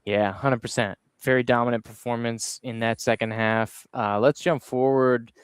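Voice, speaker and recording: A man hosting a casual sports podcast, walking through match highlights play by play with an upbeat, chatty manner. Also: fairly even intonation, normal speed, clear, resonant tone, no echo, clean studio sound. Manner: upbeat play-by-play walkthrough of goal clips. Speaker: podcast host. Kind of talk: casual sports recap chat.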